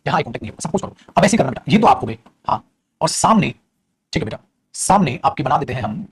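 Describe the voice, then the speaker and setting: Male teacher, husky, quick delivery, patient explaining. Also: a little high, big pitch swings, no room sound. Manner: explains patiently, keeps calling students "beta". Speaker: English teacher. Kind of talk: teaching a class.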